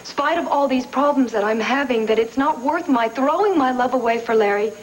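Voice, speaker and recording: A woman's voice: high voice, brisk, slight background noise, natural voice, rough recording. An actress playing an earnest woman explaining her decision with heartfelt sincerity in a soap opera. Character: grateful young woman, earnest and relieved.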